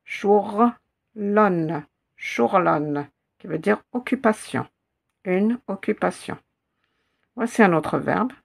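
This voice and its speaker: A woman teaching an Arabic reading lesson in French, patiently repeating each syllable and word slowly for learners. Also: mid-range voice, animated, vocal fry, husky. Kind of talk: slow spelled-out reading lesson.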